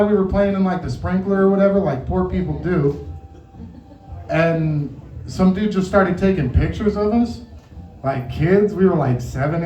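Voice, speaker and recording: A man with a high voice performs amateur stand-up at an open mic. He rambles casually through his stories with plenty of swearing and chuckles at his own material. The sound is muffled and echoey, picked up from a distance. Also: warm tone, slight background noise. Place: open mic venue with echo.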